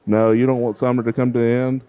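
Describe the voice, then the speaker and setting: A middle-aged man with a medium-pitched, warm voice talks fast and keeps his pitch fairly flat. He's emceeing a kids' baking contest in a big fair hall, chatting with the child contestants over a handheld mic in a friendly, encouraging way.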